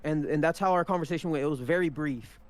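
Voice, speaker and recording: A young man whose first language is Punjabi co-hosts a casual podcast, telling a rambling story with lots of swearing and restarts. He talks fast in a voice that's a little high.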